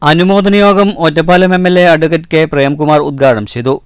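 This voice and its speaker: A male reporter reads a scripted regional news voice-over with a Kerala Malayalam accent. His tone is strikingly smooth and clear, a little high for a man, and the recording is close and dry. He keeps a measured, formal pace and lets his pitch fall at each sign-off. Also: no echo. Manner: measured formal reading, drops at sign-offs.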